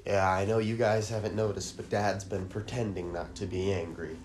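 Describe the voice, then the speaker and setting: A man voicing a fed-up middle-aged father who flatly tells his family he is done pretending not to be angry. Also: low voice, moderate pace, a little hiss or hum, lightly acted. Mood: bitter, angry.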